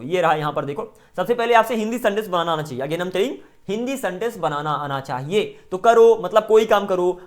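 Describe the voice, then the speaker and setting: Man, Indian English accent, high-pitched, chatty online grammar teacher who keeps checking in with students. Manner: chatty teacher, mixes Hindi and English, repeats checks for understanding.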